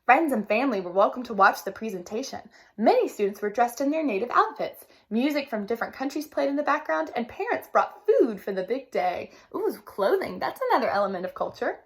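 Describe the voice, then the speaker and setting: Expressive woman teacher reading aloud. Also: a little high, a little fast. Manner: expressive, asks listeners questions. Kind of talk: children's story read-aloud.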